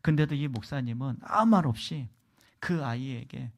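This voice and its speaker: A male pastor preaching a sermon, telling a story with emphasis and swinging between loud lines and hushed ones. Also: medium pitch, moderate pace, creaky. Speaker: guest pastor.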